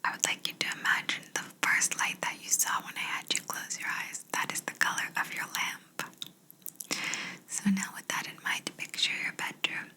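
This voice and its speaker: A woman whispering slowly in an ASMR video, guiding the listener through gentle imagination questions. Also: rough recording. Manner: slow soft whisper, asking gentle questions. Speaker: ASMR creator.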